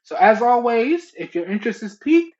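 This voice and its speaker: A man's voice: very high-pitched, big pitch swings, fairly quick, a little mellow. A young man talking casually and emphatically to camera as a product reviewer, checking in often, recorded through a Bluetooth earbud microphone. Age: young adult. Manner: chatty, emphatic, checking in with "okay" and "all right". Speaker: tech reviewer and channel host. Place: small room indoors. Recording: muffled lo-fi Bluetooth headset mic.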